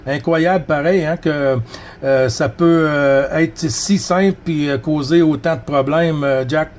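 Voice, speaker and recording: A man from Quebec, Canada chats casually as a CB radio operator, friendly and rambling, his Quebec French accent laced with frequent local filler words. His voice is a little high and a little mellow, with fairly even intonation and a measured pace.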